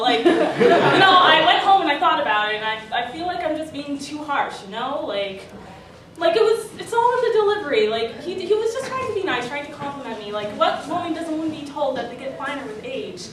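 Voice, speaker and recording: A young woman doing a rambling, deadpan stand-up comedy set, full of fillers. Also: high-pitched, a little fast, a loud crowd. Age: young adult. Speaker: stand-up comic. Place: comedy night on stage before a live audience. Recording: distant mic, echoey room, audience laughter.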